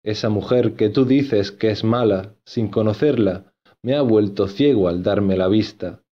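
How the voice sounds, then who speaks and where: Man doing lovesick young gent, earnest, keeps repeating himself, low voice, muffled sound. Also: a little slow.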